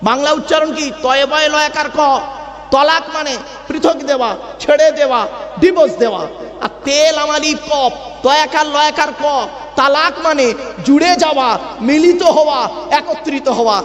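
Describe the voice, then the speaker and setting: A man with a very high, piercing voice delivers a sermon. He chants Quranic verses and stops to quiz his listeners on how each word should sound. His voice rings out with a long, echoing reverb, as if from a large open venue. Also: brisk, fairly bright tone. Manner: teaches pronunciation, chanting Quranic verses and quizzing the crowd. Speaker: preacher.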